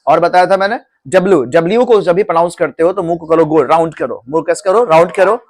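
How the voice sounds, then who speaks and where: A man's voice: fairly high pitch, fast. A man teaching pronunciation to a class in a coaching classroom, asking questions and repeating them, calling the students "beta". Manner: repeats his own questions to drill the class.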